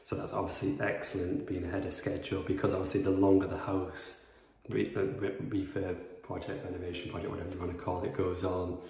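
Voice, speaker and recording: Deep and a little mellow, this young man's voice barely moves in pitch, and he talks briskly with few pauses. In his twenties, he's a property renovation vlogger rambling chattily through a house tour with lots of fillers, recorded on a phone camera that's handheld and then propped up. The setting is an empty house under renovation, indoors, with echoey bare rooms.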